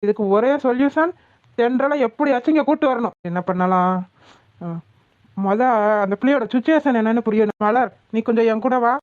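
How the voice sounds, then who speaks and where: A bossy village husband, voiced by a woman, lectures and scolds in a fairly high voice. The sound is dry and a little dull. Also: brisk, a little mellow, no echo, close to an everyday voice. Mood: lecturing.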